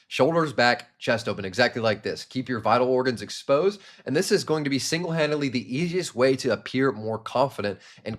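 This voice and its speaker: A young male sales trainer talks to camera at a brisk clip. He is energetic and demonstrative, shifting his tone as he acts out each example. His voice sits at an ordinary middle pitch for a man. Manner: energetic, demonstrates tones with gestures. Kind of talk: instructional talk to camera.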